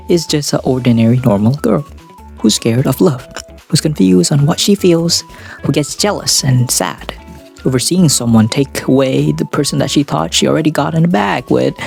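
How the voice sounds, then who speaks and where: This anime reviewer's voice sits on the high side, a little mellow with vocal fry. He offers casual, opinionated, sweary video essay commentary with dramatic asides, and music runs beneath his voice.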